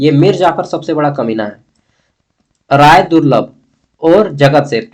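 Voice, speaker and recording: Speaking with an eastern Indian Hindi accent from the Bihar-Jharkhand belt, a man gives an informal exam-prep history lesson explaining a text. He repeats his points and answers his own questions, his voice fairly high and a little mellow.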